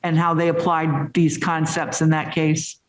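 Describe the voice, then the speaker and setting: High-pitched male judge in a roomy courtroom. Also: flat delivery, measured pace. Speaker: appellate judge. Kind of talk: measured legal questioning. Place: indoor courtroom. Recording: echoey courtroom.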